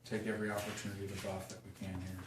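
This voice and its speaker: A man's voice: lowish voice, monotone, rapid-fire. A man playing a paladin at a tabletop game, talking hesitantly with many ums. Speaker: player, paladin. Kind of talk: casual tabletop play. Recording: echoey room, loud noise, mic far off.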